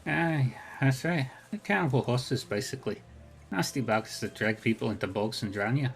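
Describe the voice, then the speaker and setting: A man's voice: mid-range voice, expressive, moderate pace, gravelly. A man voicing a tough, blunt woman ranger from Dublin with a lilting Irish accent and dry, folksy humour. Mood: chatty.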